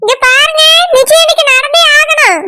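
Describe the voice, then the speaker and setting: A woman's voice: very high voice, fairly quick, very noisy. A woman voicing Rasathi, a proud, quarrelsome village woman with a Tirunelveli Tamil accent, in a cartoon. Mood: indignant. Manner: indignant, scolding rants. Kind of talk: cartoon voice acting.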